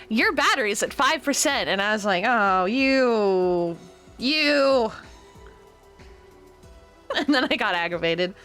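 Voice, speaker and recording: Bright-voiced giggly woman streamer. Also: high-pitched. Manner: chatty, giggly, mutters to herself while drawing. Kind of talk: casual art stream chat. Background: faint music.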